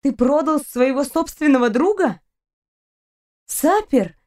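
A woman's voice: sits high, expressive, slow, a little mellow, pitched above the performer's own voice. A woman reading aloud, voicing a spirited young girl who exclaims indignantly.

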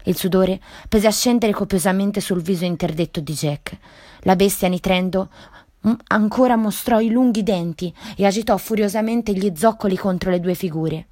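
A woman reading a short story aloud in a measured storytelling manner. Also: medium pitch, a little mellow, no echo, clean studio sound. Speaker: reader.

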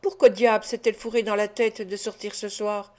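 A woman reading the part of a brutal, gruff male robber, in a loud, harsh and bullying way, for an audiobook. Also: mid-range voice, little pitch movement, fairly quick, lightly acted. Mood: grumbling.

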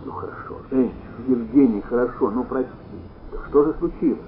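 A man reading aloud and voicing a lazy, timid wife who speaks softly and placatingly, over a tinny, phone-like line. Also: mid-range voice, moderate pace, close to an everyday voice. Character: sleepy, lazy, timid middle-aged wife. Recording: tinny phone-like sound, faint noise.

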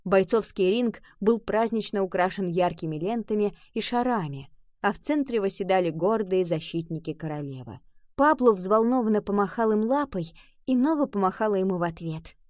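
A woman narrating a children's audiobook, expressive and lively. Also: normal speed, no echo, studio quality. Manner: expressive, lifting pitch for dialogue.

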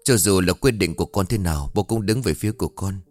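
Man as calm soothing older father, soft-spoken, low voice, dry sound. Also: fast talker, no echo, soft background music, lightly acted. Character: gentle worried older father.

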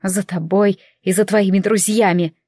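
A woman's voice: mid-range voice, fairly even intonation, moderate pace, warm tone, dry recording, clean studio sound, lightly acted. A woman voicing a bitter, hostile young female elf who speaks harshly through gritted teeth in an audiobook.

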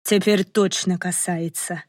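A woman voicing a hoarse, pleading young man. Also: steady tone, dry recording, studio quality, lightly acted. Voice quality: hoarse, low and hushed. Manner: slow, soft, pleading. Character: young man, intense and remorseful suitor. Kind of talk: audiobook narration.

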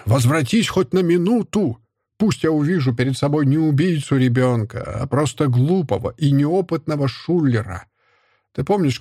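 A man's voice: mid-range voice, darkish tone, slightly rough, dry recording, clean studio sound. A man voicing a bitter, disgusted scholar. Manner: bitter, contemptuous outbursts. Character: bitter, disgusted middle-aged scholar and husband. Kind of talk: audiobook character voice.

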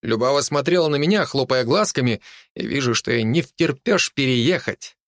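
Lively male audiobook narrator. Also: medium pitch, moderate pace, dry recording, studio quality.

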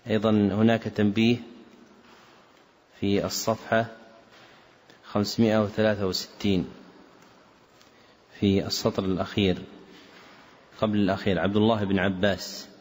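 A male scholar giving a lesson, reading out corrections to a text in a measured way and repeating page numbers for his students. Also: lowish voice, little pitch movement, a little mellow. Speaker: Islamic scholar teaching a book lesson. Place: lecture hall or mosque with loudspeakers. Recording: reverberant hall with faint ambient noise.

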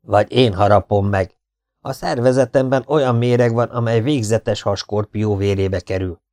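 A fat, rude scorpion charmer who scolds and brags in an unhurried, low voice, as a male audiobook reader puts him on. He sounds sly and self-satisfied. The recording is close and dry. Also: steady tone, a little mellow, no room sound, natural voice. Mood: gruff. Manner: blunt, scolding, slow and cocky. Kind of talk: audiobook character voice.

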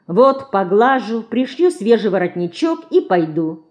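A woman voicing a modest, gentle mother who frets over her children in an audiobook. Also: mid-range voice, sing-song, measured pace, voice pushed up. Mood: fretting.

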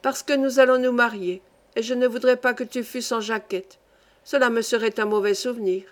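A proud older courtesan presses her case in a read-aloud novel, as a woman reader voices her. She argues with dignity and urgency in a fairly high voice. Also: steady tone, normal speed, close to an everyday voice. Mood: dignified.

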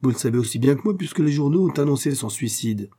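A man's voice: mid-range voice, animated, quick pace, warm tone, slightly rough, pitched above the performer's own voice. A man voicing a young engineer in an audiobook, firm and holding back anger. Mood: stern. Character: young male engineer, stern and restrained. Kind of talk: audiobook character reading.

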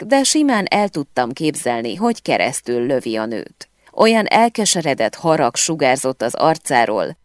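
A woman narrating a first-person novel aloud in an expressive storytelling manner. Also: deep voice, no echo, studio quality. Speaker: audiobook narrator.

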